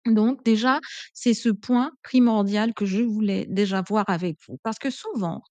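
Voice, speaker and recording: A woman's voice: mid-range voice, unhurried, dark tone, no room sound. A woman giving relationship advice in a chatty, emphatic monologue, full of little asides. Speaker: relationship coach.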